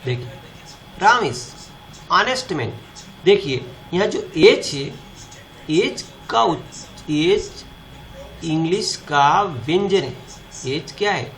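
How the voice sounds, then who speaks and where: A man's voice: a little high, lively intonation, extremely slow, long pauses, a bit bright. A man teaching a grammar lesson, asking the class questions and answering them himself.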